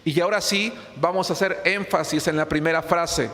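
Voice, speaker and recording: Guy preaching in a church hall, pretty high voice, keeps saying brothers, big long echo. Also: fairly even intonation, brisk, sharp tone. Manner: earnest, repeats phrases and addresses the congregation as brothers. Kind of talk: sermon.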